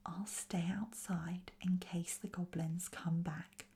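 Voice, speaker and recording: A croaky, watchful frog, as a woman whispers him in a bedtime whispered role-play: low, dark-toned and slow, with hushed urgency. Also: little pitch movement. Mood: urgent. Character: croaking male frog helper, cautious.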